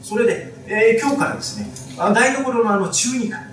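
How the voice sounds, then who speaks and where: A man performing amateur rakugo with a hesitant, halting delivery. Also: extremely high pitch, a bit bright. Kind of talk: rakugo storytelling. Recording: distant mic in echoey hall.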